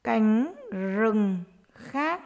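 A woman with a fairly high voice is dictating to young schoolchildren. She goes extremely slowly, giving a few words at a time and repeating them as a teacher does in a writing lesson. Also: lively intonation, darkish tone, lo-fi sound. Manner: dictating short phrases slowly, word by word, repeating each.

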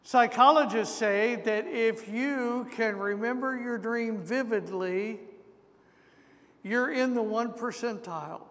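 Male pastor, high-pitched, unhurried, preaching with asides in a reverberant sanctuary. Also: a bit bright. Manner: slow, deliberate preaching with asides. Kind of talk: sermon. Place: large church sanctuary. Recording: long church reverb.

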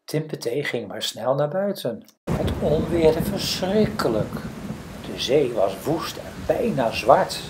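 A woman reading a fairy tale aloud in a calm, expressive storytelling manner. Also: low voice, takes it slowly, very noisy.

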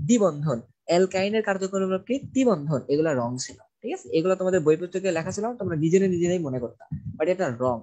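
Male tutor, dark mellow tone, patient drilling style, asks and answers his own questions. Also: high voice. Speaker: chemistry tutor. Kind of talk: online class lecture.

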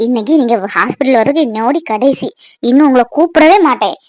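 A woman's voice: high-pitched, fast talker, no echo, natural voice. A woman playing an exasperated young wife. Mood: scolding. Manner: scolding, impatient, coaxing the baby. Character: young wife, exasperated with her weepy husband. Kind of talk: cartoon voice acting.

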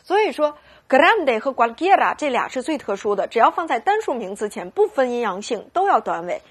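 A woman with a slightly husky voice gives a recorded grammar lesson. Her pitch sits a little high, and she keeps checking in with rhetorical questions. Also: very animated, fairly quick. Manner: constant rhetorical questions to students. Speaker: Spanish grammar teacher.

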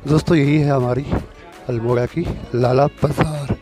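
Speaking at a moderate pace in a dark, mid-range voice with fairly even intonation, a young vlogger from Uttarakhand, India, walks through outdoor markets on a city tour. His throat is slightly sore, and he's recorded on a phone with music playing underneath.

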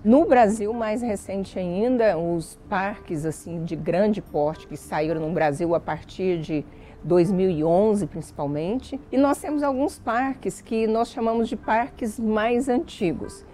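Female association president, measured and official, mellow tone. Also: mid-range voice. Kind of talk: official interview statement.

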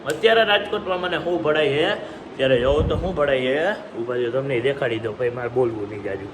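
A man's voice: mid-range voice, fast. A male vlogger, chatting casually to viewers on his phone camera as he goes about town. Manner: chatty, greets viewers warmly with devotional calls. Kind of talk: casual vlog chat. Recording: noisy street background.

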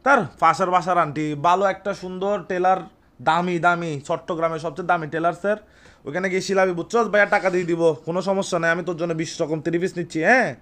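A young Bangladeshi man with a Chittagong accent makes a prank phone call posing as an older brother, talking informally, repeating himself and boasting. His voice is high-pitched and a bit bright, with fairly even intonation and a quick pace.

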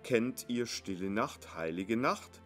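A man voicing a young male student dressed as Santa, who scolds the family in a deep, stern, schoolmasterly tone. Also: animated, slow, a bit bright, soft background music.

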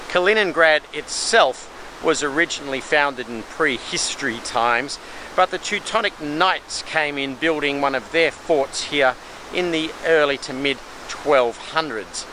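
A man's voice: a little high, bright, forceful tone, rough recording. A middle-aged man giving an informative travel vlog narration. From Australia. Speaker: travel vlogger. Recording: faint outdoor background noise.

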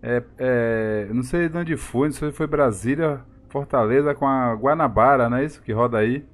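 This streamer, a native of Salvador, Bahia, Brazil, talks with a Bahian Brazilian Portuguese accent at a moderate pace in a mid-range voice. He chats casually and calls out viewers by name during a live game stream.

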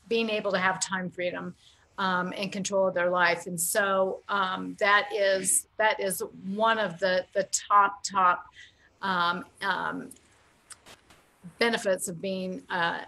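Bright-voiced woman in casual radio chat. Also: medium pitch.

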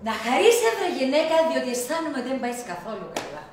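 An actress with a Cypriot accent playing a sharp-tongued grown daughter, sarcastic and dismissive. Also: female voice, high voice, very animated, a little hiss or hum. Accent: Cypriot Greek. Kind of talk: sitcom acting. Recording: echoey set.

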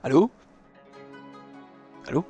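A man's voice: slow pace, faint music behind. A young man streaming live, chatting with viewers in a rambling way with lots of fillers. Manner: excitable, shouting and laughing with joy. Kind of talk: live stream reaction and chat.

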